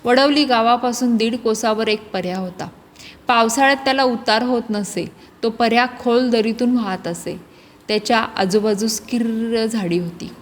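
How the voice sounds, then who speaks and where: A woman narrating a classic novel in a steady, expressive storytelling manner. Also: a little high, moderate pace. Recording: long echoing reverb.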